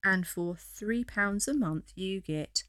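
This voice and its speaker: A woman co-hosting a podcast, giggly and playful while running through the show's plugs. Her mid-pitched voice is bright and keen. The sound is close and dry. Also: slow, clean tone, no room sound. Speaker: podcast co-host. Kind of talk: casual chat.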